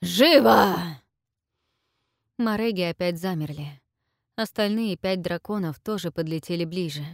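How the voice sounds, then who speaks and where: A woman reading a fantasy novel aloud as narrator, in a measured, even storytelling manner. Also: lowish voice, dry recording, studio quality. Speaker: audiobook narrator.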